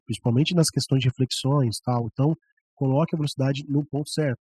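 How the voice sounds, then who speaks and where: A man's voice: mid-range voice, fairly even intonation, fast, dark tone, breathy edge, no echo. A man with a Brazilian Portuguese accent teaching preaching skills to church leaders. He talks in a conversational way and often shows the points with his own voice and the microphone on a stand. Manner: conversational, often demonstrating with voice and mic. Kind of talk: classroom lecture on preaching. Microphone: microphone on a stand, about ten centimeters away.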